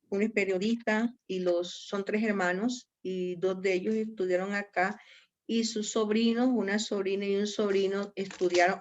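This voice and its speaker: A law professor with a Colombian accent talks her students through their coursework in an online class, speaking straight to them and circling back over her points. Her voice sits at a middling pitch for a woman. The audio is dull and lo-fi. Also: slight background noise. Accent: Colombian Spanish. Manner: animated, addresses students directly, repeats herself. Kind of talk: online university lecture.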